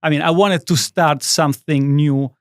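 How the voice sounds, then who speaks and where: Man, Italian accent, thirties, crisp smooth voice, dry studio sound, earnest rambling guest. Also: on the high side, steady tone, moderate pace, no room sound. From Italy. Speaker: guest, skincare brand founder. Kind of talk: interview conversation.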